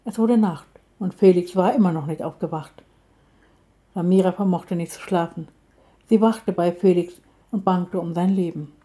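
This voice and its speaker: Woman reading a kids' fairytale, mellow warm voice, calm and even. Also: fairly low pitch. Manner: calm, measured storytelling. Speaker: storyteller. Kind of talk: children's story reading.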